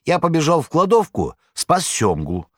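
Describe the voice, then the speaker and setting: A man's voice: wildly swooping pitch, normal speed, no echo, studio quality. A man reading an audiobook, voicing a huge boastful male tomcat who whines and pleads theatrically. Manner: shrill, whining, theatrical pleading. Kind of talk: audiobook character voice.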